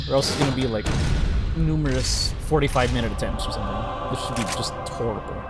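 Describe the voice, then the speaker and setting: Brisk and medium-pitched, this young streamer chats loosely over his gameplay, laughing often and cursing casually. Game music plays behind him.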